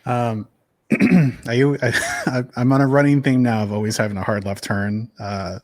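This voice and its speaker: A man hosting a podcast interview, asking relaxed, long framed questions. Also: mid-range voice, unhurried, dry recording. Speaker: podcast host. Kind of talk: casual interview.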